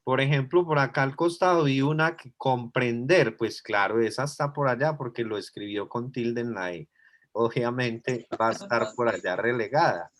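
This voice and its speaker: A man's voice: medium pitch, moderate pace, a bit bright. A man teaching an online class, explaining patiently and thinking aloud as he goes.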